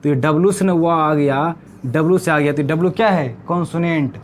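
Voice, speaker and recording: A man's voice: fairly high pitch, brisk, slight background noise. A man teaching an English grammar lesson, asking the class questions and checking in with them as he goes. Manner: asks the class questions and answers them himself.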